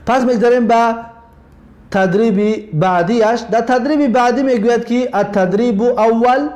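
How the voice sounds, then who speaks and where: A man with a Tajik Persian accent teaching a language lesson, explaining slowly, repeating points and spelling words out. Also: extremely high pitch, darkish tone.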